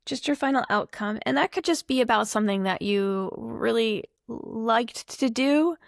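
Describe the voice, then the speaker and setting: A woman's voice: fairly high pitch, moderate pace, vocal fry, dry recording, clean studio sound. A woman reading tarot cards to camera in a loose, rambling, apologetic way, full of asides. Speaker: tarot reader.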